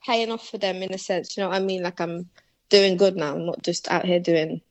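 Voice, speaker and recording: A young woman from Malawi, raised in England, chatting casually as a rapper guest in an interview. She talks in a relaxed, slangy way and laughs often. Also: fairly low pitch, fairly quick, dry recording, muffled recording. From born in Malawi, raised in England.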